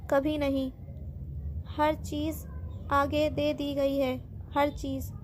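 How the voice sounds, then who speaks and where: A woman's voice: high-pitched, little pitch movement, background noise, natural voice. Woman voicing a growling paranoid old man. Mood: menacing. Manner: growling, menacing.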